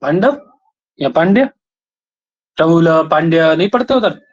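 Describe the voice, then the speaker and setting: A man's voice: fairly high pitch, lively intonation, unhurried. Man teaching grammar, quizzing students. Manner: repeats questions, prods students for answers. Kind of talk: classroom lesson, questioning students. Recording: dull lo-fi sound.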